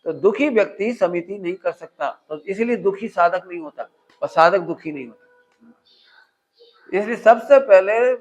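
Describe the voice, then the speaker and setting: A man giving a spiritual discourse, animated, illustrating with everyday household examples and quizzing his listeners with call-and-response questions. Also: sits high. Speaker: religious teacher. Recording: dull lo-fi recording.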